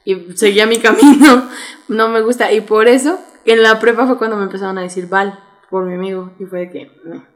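A woman's voice: mid-range voice, brisk. A young woman with a Mexican accent, co-hosting a podcast in casual chat, blunt and teasing. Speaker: podcast co-host.

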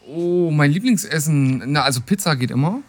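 A man in his thirties answering interview questions casually, talking quickly and hesitating with fillers. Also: fairly high pitch, expressive. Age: 30s. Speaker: interview guest.

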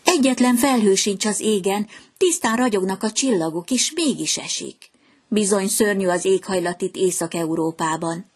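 A woman voicing a chatty, fickle young male swallow in a storybook reading, raising her voice higher and fussier than her own. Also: slightly rough, natural voice. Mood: grumbling.

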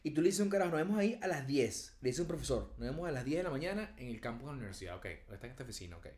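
A man's voice: medium pitch, sing-song, very fast, a little mellow, echoey room. A Venezuelan man co-hosting a casual podcast chat, blunt and slangy, swearing freely. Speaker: podcast co-host.

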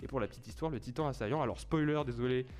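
A man's voice: mid-range voice, rapid-fire, a little mellow. A man hosting a casual quiz among friends, explaining answers at length with mock-formal asides. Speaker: quiz host.

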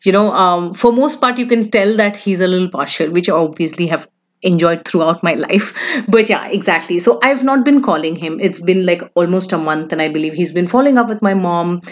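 A woman tells a personal story to the camera in a relaxed, conversational way. She keeps turning to the listener with little asides, confiding and chatty throughout. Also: fairly low pitch, a little fast, highs cut off. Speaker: vlogger telling a personal story.

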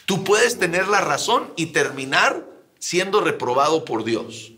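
A male pastor preaching in a conversational way, animated and acting out quotes. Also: on the high side, a little slow, slight background noise. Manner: animated, shouts out military commands and acts out quotes.

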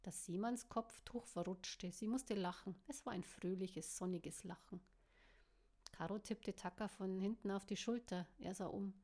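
A woman's voice: mid-range voice, unhurried, darkish tone. A woman reading her own novel aloud in plain narration with the odd small slip.

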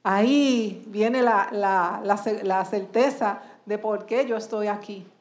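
A woman's voice: mid-range voice, takes it slowly. A woman preaching a sermon and asking her listeners question after question. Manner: asks the congregation many rhetorical questions. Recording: echoey church hall.

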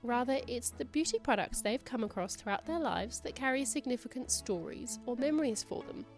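A woman's voice: fairly high pitch, animated, a little fast, faint music behind. A woman hosting a podcast, reading a scripted intro and asking interview questions, her voice nasal from a cold. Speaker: podcast host.

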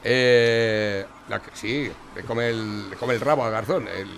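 A man's voice: fairly low pitch, a little slow, creaky, crowd noise. A man from Spain hosting a provocative political talk show, mocking and crude as he reads out headlines.

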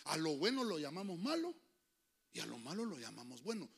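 A man preaching a sermon as a pastor in a church, shifting from fiery outbursts to quiet asides and speaking to the congregation as brothers. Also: a little high, sing-song, brisk, vocal fry, husky. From Honduras.

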